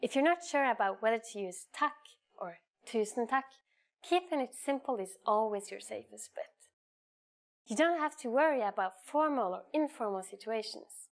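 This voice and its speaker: Higher-pitched woman teacher with Norwegian accent. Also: expressive. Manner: clear, instructional enunciation with slowly repeated phrases. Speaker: language teacher and lesson host. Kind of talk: scripted language lesson.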